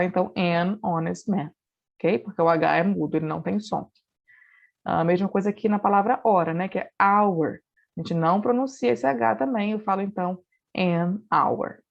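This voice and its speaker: A woman with a gravelly, mid-range voice patiently explains English grammar step by step in a recorded online class. She checks in with students often, peppering her speech with "né?" and "então". The recording is dull and lo-fi.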